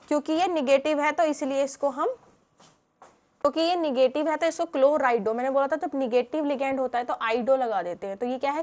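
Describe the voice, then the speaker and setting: Brief: female chemistry teacher, high voice, patient step-by-step lecture full of "ठीक है" checks. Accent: Hindi-English mix. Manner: explains step by step with many fillers and rhetorical questions. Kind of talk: classroom lecture.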